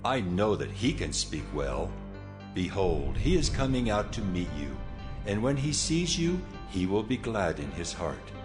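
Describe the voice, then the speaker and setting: An actor playing a solemn, commanding, almighty God in a dramatized scripture audio production, declaiming with authority through a cavernous reverb. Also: male voice, low voice, sing-song, a little slow. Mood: stern. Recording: long reverb over loud music.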